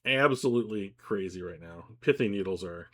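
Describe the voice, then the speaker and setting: A man's voice: low voice, animated, a bit bright, a little hiss or hum. A man bantering casually during a card game, joking, swearing and teasing his opponent. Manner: joking, swears often, quick teasing asides. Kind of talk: casual banter while playing.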